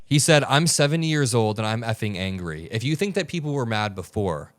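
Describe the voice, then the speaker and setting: A man's voice: medium pitch, very animated, a little fast, no echo. A young man hosting an online news commentary show, talking in a heated, emphatic and blunt way as he breaks down video. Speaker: political commentary host.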